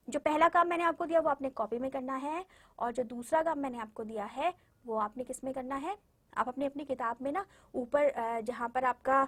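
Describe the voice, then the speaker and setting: High-voiced woman teaching young children. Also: pushed and bright, breathy edge. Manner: slow, patient syllable-by-syllable spelling out; encouraging, addresses children directly. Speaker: primary school Hindi teacher. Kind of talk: online class lesson for young children.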